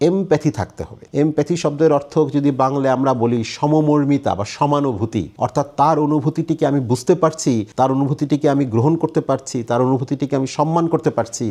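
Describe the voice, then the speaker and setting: A man with a Bangladeshi Bengali accent giving a calm, measured talk on mental health, explaining points in repeated lists. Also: on the high side.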